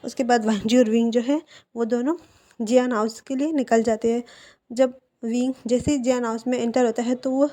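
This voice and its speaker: Woman narrator, high mellow voice, chatty casual storytelling. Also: fairly even intonation, moderate pace. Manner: chatty, self-correcting. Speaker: fan fiction narrator.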